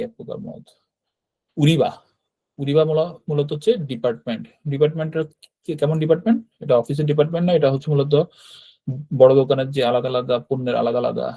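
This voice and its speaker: A man's voice: fairly high pitch, mellow. A man from Bangladesh, teaching a Japanese vocabulary class and explaining each word in an explanatory manner, repeating terms and checking with his students. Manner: explanatory, repeats words, frequent fillers and "right?" checks.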